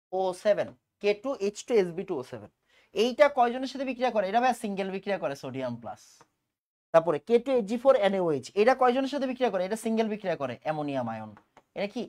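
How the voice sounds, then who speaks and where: Lively teacher drilling a class. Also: male voice, high voice. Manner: drills by repetition, asks and answers his own questions. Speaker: chemistry teacher. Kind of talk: online exam-prep lecture.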